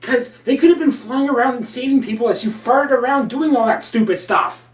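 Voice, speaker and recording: A man's voice: very high voice, fairly quick. Sarcastic man reviewing old comics. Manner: sarcastic, crude asides. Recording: roomy, from a distance.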